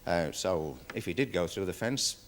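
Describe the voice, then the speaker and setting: An actor playing a nervous, deferential security guard testifying in a 1970s television courtroom drama, rambling with many fillers. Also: male voice, low-pitched, lively intonation, moderate pace. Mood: worried, defensive. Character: nervous security guard witness, dog handler. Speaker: witness in court.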